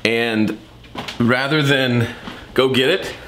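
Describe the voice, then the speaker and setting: A man's voice: mid-range voice, slow pace, a bit bright, a little hiss or hum. A man chatting casually as a vlog host in a playful, self-deprecating way, his S sounds whistling slightly through a gap in his teeth. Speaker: vlogger and podcast host.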